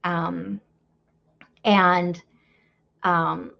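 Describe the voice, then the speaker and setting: A woman's voice: on the low side, flat delivery, drawn-out words, vocal fry, muffled recording. A woman guest telling her faith story in a candid, rambling way, with many fillers and laughs. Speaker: podcast guest. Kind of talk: faith testimony conversation.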